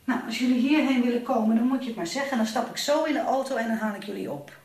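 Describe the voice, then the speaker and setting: A woman's voice: on the high side, fast, darkish tone, reverberant, natural voice, low-quality recording. An actress in a radio play as a young woman on the phone with her mother, fussy, caring and exasperated. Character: young woman alone at home, anxious, caring. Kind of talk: radio drama acting.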